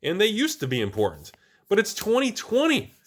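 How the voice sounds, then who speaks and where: A man's voice: high-pitched, a little fast. A man hosting his channel, giving rambling casual commentary while he opens card packs, exclaiming often. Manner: animated and exclaiming, rambling with restarts. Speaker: channel host.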